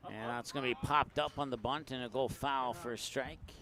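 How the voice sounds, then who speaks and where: A man calls a baseball game play-by-play in an easygoing, chatty way. He fills the gaps between pitches with stories and picks up the pace on the action. He has the hiccups. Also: steady tone, moderate pace, a bit bright, a little hiss or hum. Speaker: play-by-play announcer.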